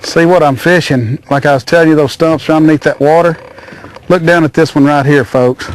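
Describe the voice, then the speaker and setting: Fairly high in pitch and fairly quick, with a little hiss or hum, a middle-aged man gives excitable fishing commentary from a small lake boat. He hollers and coos at the fish as they come in.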